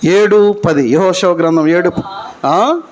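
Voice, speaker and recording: High pitched guy preaching a sermon, keeps asking the crowd questions, goes loud then quiet. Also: slow. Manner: asks the congregation repeated rhetorical questions; swings between loud high emphasis and low quiet lines. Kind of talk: live church sermon.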